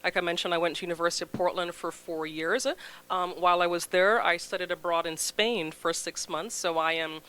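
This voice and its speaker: A woman in her forties from Jamaica with a Jamaican accent, a guest chatting casually on a local talk show, laughing easily and trailing off softly. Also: fairly low pitch, fairly even intonation, fairly quick, clean tone, poor audio. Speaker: guest from a food bank. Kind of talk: casual interview chat.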